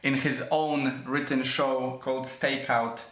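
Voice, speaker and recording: A man's voice: mid-range voice, level tone, a bit bright, reverberant. A man hosting a podcast, talking casually and in a friendly way, with frequent fillers and restarts. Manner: friendly, chatty, halting with fillers. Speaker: podcast host.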